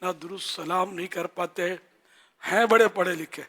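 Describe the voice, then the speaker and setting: An older man with a Pakistani Urdu accent, giving a religious talk to an audience in a conversational teaching manner, slowly demonstrating phrases. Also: high voice, fairly bright tone, breathy edge. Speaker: religious scholar.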